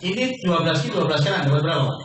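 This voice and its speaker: A man giving a persuasive business sales pitch to a seminar audience, asking questions and answering them himself. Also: rapid-fire. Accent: Indonesian. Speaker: business presenter. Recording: echoey room from far off, faint noise.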